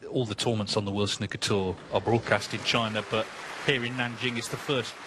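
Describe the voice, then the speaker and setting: A man giving live snooker match commentary in a measured way, often turning remarks into tag questions. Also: on the low side, fairly even intonation. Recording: background noise and arena ambience.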